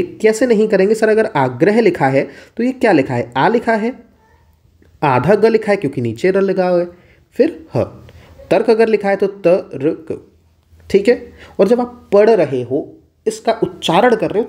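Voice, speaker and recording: A man's voice: sits high, lively intonation, normal speed, dark tone. A man teaching an exam-prep Hindi lesson, posing questions for students and answering them himself. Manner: asks and answers his own questions.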